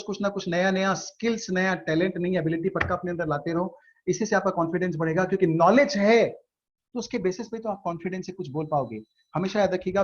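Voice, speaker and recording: Husky-voiced man coaching on a call. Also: high-pitched. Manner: earnest, coaching, asks rhetorical questions. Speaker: motivational trainer. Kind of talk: online workshop talk. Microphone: video call. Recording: dull video-call audio.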